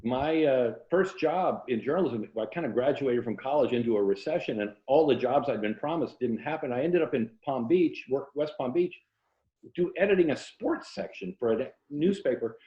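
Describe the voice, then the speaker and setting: An expressive, medium-pitched voice at a moderate pace belongs to an older man from Tampa, Florida, who has an American accent. He's a writer and former journalist appearing as an interview guest, telling anecdotes casually. The remote video call from an indoor room has roomy, dull audio.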